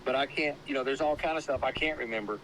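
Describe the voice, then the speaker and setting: Older man, 60s, podcast guest, steady plain talk, faint noise. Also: mid-range voice, fast, rough recording. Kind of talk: casual chat.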